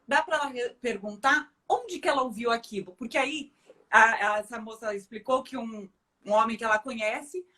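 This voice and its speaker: Brazilian woman with a high, chatty voice. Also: normal speed. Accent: Brazilian Portuguese. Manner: conversational, storytelling, relaxed. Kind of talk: casual chat.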